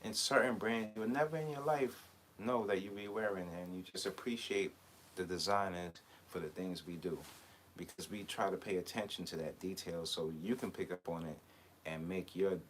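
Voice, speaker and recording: A man from Barbados with a very low voice hosts a casual live stream, talking off the cuff. He wanders between thoughts and fills the gaps with hesitations, and a faint hiss sits behind him. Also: moderate pace. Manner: rambling, with many hesitations and fillers. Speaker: clothing brand designer hosting a live chat.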